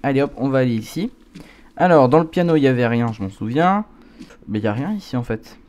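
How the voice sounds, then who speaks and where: A man's voice: mid-range voice, lively intonation, fast talker, a little mellow. A man giving casual horror game commentary, a scared, jumpy gamer reacting aloud as he plays. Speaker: video game streamer. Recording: clear background noise.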